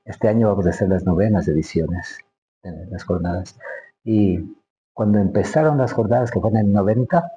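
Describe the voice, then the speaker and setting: An older man with an Ecuadorian accent and a fairly low, dark-toned voice conducts a casual interview, halting and repeating phrases as he searches for words. The audio sounds dull.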